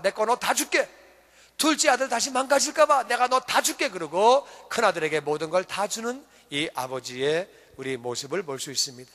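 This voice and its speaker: High bright-voiced Korean pastor preaching. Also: male voice, in a large hall. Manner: animated storytelling, acting out quoted speech. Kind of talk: sermon. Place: church sanctuary.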